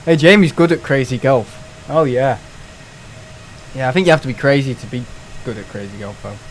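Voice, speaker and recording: A man's voice: mid-range voice, normal speed, a little hiss or hum. A young man streaming live, chatting casually with viewers, joking and swearing now and then.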